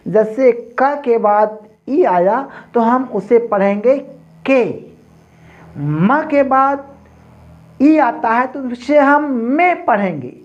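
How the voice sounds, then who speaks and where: A man teaching English pronunciation to primary school children, speaking deliberately, repeating each word and addressing his listeners as friends. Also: extremely high pitch, animated, highs cut off.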